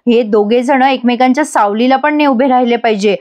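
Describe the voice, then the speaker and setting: A woman's voice: fairly high pitch, fairly quick, a little mellow, dull audio, lightly acted. A woman voicing a scheming, scolding middle-aged mother in a TV serial recap, with a harsh manner.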